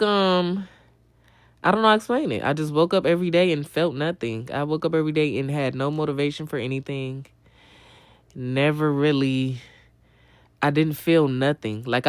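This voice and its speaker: With a low, clear and resonant voice and no echo, a young adult woman talks casually to her livestream audience while answering their questions. She's outspoken and slangy, swears a lot, and often says the same phrase twice for emphasis.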